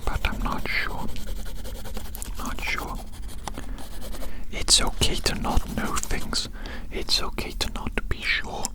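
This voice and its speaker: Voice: takes it slowly, pauses often. Fully whispered ASMR ramble. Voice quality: fully whispered, breathy and unvoiced. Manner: rambling, playful, repeating phrases. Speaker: ASMR creator.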